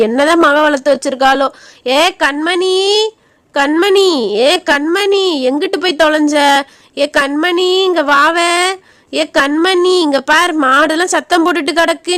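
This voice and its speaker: A woman's voice: high voice, a bit bright, dry recording, studio quality. A woman voicing a nagging old village granny. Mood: grumbling. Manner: nagging, grumbling, scolding. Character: scolding old village grandmother. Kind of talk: doll-play skit acting.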